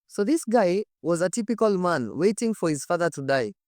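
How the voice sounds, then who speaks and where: On a studio set, a Kenyan-accented man hosts as a storyteller, speaking animatedly to camera in a conversational, emphatic way, repeating phrases and tossing out rhetorical questions. His voice sits high and is expressive, with a moderate pace and a darkish tone. The studio sound is clean, with no echo.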